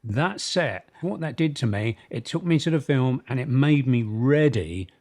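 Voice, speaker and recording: A man's voice: mid-range voice, expressive, unhurried, a little mellow. A man co-hosts a casual podcast chat. He speaks in a mid-range voice, rambles a little and gushes with enthusiasm. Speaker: co-host.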